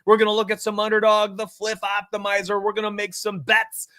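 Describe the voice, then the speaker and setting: Bright-voiced excited man hosting live. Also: sits high, brisk, dry recording, studio quality. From New York. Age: 40s. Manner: energetic, talks straight to chat. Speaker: sports betting show host. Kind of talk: casual live-stream chat.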